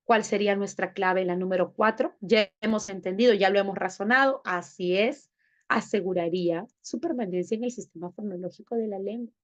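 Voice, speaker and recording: A woman's voice: mid-range voice, fairly quick. A woman teaching an online class, affectionate and coaxing, who keeps asking the students to confirm they follow. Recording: dull lo-fi sound.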